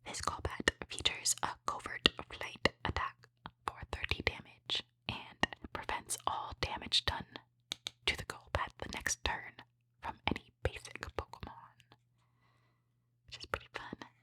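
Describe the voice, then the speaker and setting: In this dry recording, a woman opens trading cards for an ASMR clip, whispering a little slowly in a breathy, unvoiced way as she comments gently and appreciatively.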